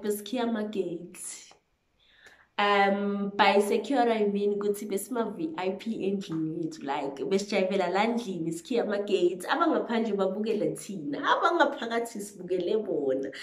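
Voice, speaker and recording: A woman in her twenties with a South African accent tells a story casually to the camera. She is animated and emphatic, slipping between two languages as she goes. Her voice sits at a middle pitch, recorded in an echoey living room. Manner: animated and emphatic, hand-waving, chatty. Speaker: vlogger telling a storytime. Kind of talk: casual storytelling to camera, mixing English and Zulu. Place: small living room, indoors.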